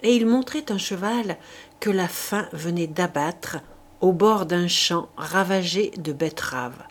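A woman reading a classic novel aloud as an audiobook, measured and deliberate. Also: on the low side. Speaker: audiobook reader. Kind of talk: literary audiobook narration.

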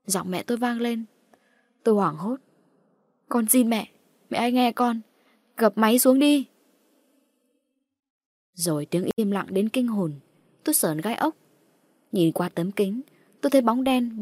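A woman's voice: mid-range voice, darkish tone, slightly rough, no echo, studio quality. A woman reading a first-person horror story aloud in a tense, dramatic way. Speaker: narrator. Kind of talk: scripted horror story narration.

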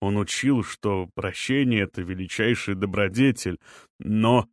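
A man voicing a calm, quiet Neanderthal man in an audiobook, measured and subdued. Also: on the low side, no room sound, studio quality, close to an everyday voice.

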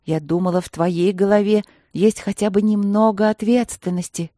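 A woman voicing a furious elder sister who shouts, stern and drawn out. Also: medium pitch, fairly even intonation, moderate pace, no echo, clean studio sound, lightly acted.

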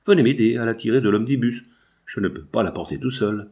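A man's voice: medium pitch, expressive, quick pace, dark tone, natural voice. A man voicing an earnest, tall young painter who speaks urgently and insistently.

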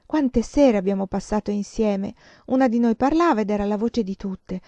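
A woman's voice: mid-range voice, moderate pace, dark tone, no echo, natural voice. A woman reading as an impassioned young female student. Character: intense young female student, earnest and dramatic.

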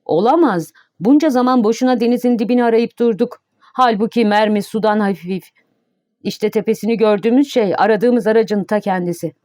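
A woman reading the lines of an excitable male doctor in a storybook, bursting out in exclamations. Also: on the high side, a little fast, no room sound, studio quality, close to an everyday voice. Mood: excited.

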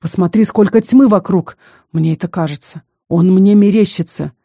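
A woman's voice: on the low side, lively intonation, unhurried, warm tone, no room sound, studio quality. A woman reading the part of a cruel, scheming male necromancer who speaks in a mocking, coaxing way. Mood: panicked.

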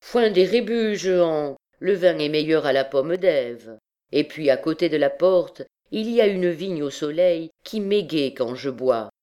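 A woman's voice: low-pitched, expressive, measured pace, dark tone. A woman voicing a swaggering young male army captain who bellows oaths boisterously.

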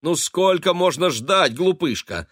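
A man's voice: mid-range voice, big pitch swings, measured pace, a bit bright, dry recording, clean studio sound, pitched above the performer's own voice. A man voicing a gushing, teasing middle-aged lady of the house who fusses over her ward. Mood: excited gushing. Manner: effusive, fussy, teasing.

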